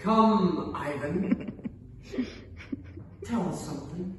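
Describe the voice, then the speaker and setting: A man's voice: high voice, very slow. A man reading a stage play from a script as an easygoing country doctor, casual and idly curious. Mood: idle curiosity. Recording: echoey hall from far off, clear background noise.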